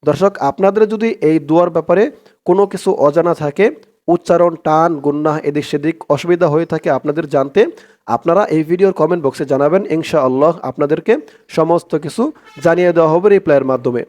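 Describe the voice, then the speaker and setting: High-voiced man teaching a prayer slowly. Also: a little mellow. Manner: slow, drawn-out chanted recitation between spoken explanations. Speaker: Arabic teacher.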